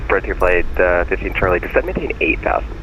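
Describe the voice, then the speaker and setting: A man working as an air traffic controller, giving clearances in procedural radio phraseology. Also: low-pitched, lively intonation, fast. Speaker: air traffic controller in online flight simulation. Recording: muffled radio voice, faint aircraft noise.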